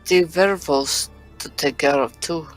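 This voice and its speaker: A woman's voice: deep voice, measured pace, poor audio. A woman playing a tabletop game and chatting casually, with music in the background. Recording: music behind the voice.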